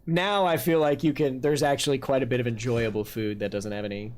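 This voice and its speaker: A man's voice: medium pitch, steady tone, fairly quick, slight background noise. A man chats loosely while he plays a video game on stream. He rambles, jokes and swears freely into a desk mic at home. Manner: profane, joking, rambling. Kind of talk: casual game stream commentary.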